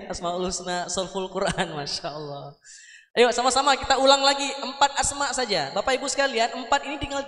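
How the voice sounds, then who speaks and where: In a roomy, echoing mosque hall, a young man with a high, somewhat bright voice preaches at a study session on a handheld mic. He's chatty and joking, and he breaks into melodic chanting of sung dhikr.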